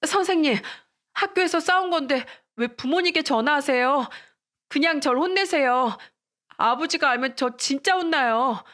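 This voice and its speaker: A haughty little rich girl who bullies her classmates, her voice pitched high and sneering, swinging widely up and down as she jeers, as a woman storyteller puts her on. Her taunts come shrill and biting. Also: lively intonation, moderate pace, a bit bright. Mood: frightened whine. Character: spiteful rich schoolgirl bully, taunting and haughty.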